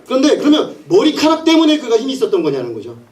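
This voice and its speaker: A male pastor preaching an animated sermon, telling the story with laughs and acted-out scenes. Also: very high-pitched, very fast, recorded from a distance.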